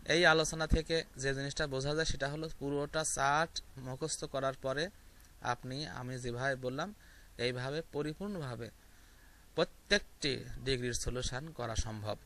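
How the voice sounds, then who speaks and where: Bright-voiced man teaching grammar. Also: medium pitch, moderate pace. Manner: step-by-step explaining with frequent fillers and repeated examples. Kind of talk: explaining grammar lesson to viewers.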